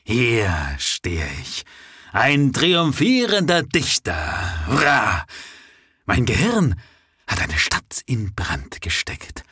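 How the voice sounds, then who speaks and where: A man's voice: medium pitch, sing-song, extremely slow, husky, dry recording, studio quality, voice pushed up, full character voice. A man voicing a frenzied male writer who bursts into wild, exultant exclamations. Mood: manic triumph. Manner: wild exclamations, rising to shouts.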